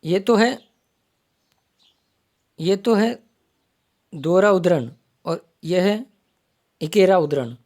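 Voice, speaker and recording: A woman's voice: on the low side, expressive, slow pace, long pauses, mellow. A woman teaching an online exam-prep grammar lesson, explaining step by step and repeating each term as she points it out. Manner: explanatory, repeats terms while pointing them out.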